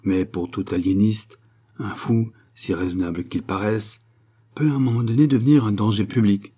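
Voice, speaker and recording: A man narrating a classic novel as an audiobook. He reads in a measured, even storytelling manner. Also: fairly low pitch.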